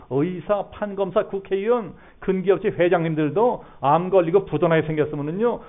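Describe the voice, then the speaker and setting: A middle-aged male pastor preaching a sermon, animated, now and then shouting out quoted cries. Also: high voice. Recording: tinny phone-like sound.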